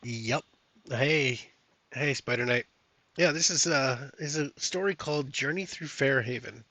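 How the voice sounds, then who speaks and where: A man's voice: mid-range voice, measured pace, sharp tone, no room sound. Man thinking aloud on a live stream. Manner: thinking aloud with many fillers. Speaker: streamer playing a solo tabletop campaign. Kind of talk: casual live-stream chat.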